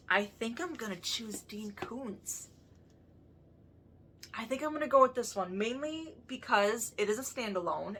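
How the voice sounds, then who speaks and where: A woman with a bright, forward voice at a middle pitch talks casually to her viewers. Her lisp gives the s sounds a slushy edge. She is chatty and thinks out loud in the easy style of a book vlogger.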